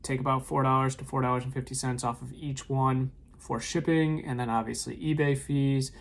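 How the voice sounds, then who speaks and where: This eBay reseller vlogger talks loosely about his weekend sales from a room at home with shelves of tapes, dropping frequent ums and uhs. He has a gravelly mid-range voice, keeps a level tone and speaks at normal speed.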